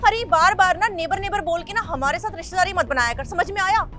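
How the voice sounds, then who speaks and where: A woman's voice: extremely high pitch, a little fast, fairly bright tone, soft background music. A woman playing a rude, snobbish mother who mocks and bosses people in a bossy, scornful manner. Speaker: actor in a comedy sketch.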